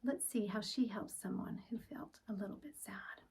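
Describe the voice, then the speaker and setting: A woman reads a picture book aloud to children in an expressive, deliberate storytelling style, her phrases often ending softly. Her mid-range voice is whispered and sounds distant from the mic.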